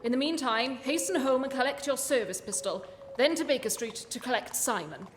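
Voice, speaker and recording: In a comic radio play, a woman takes the role of a shrewd Victorian gentleman detective, her voice high, formal and precise with a commanding briskness. The mood is urgent and grave, her intonation lively, and the recording has long reverb and slight background noise.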